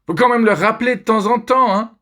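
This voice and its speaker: A man's voice: high voice, fairly quick, bright, forceful tone. A man hosting a comedy video, joking his way through pictures with playful, teasing asides to viewers.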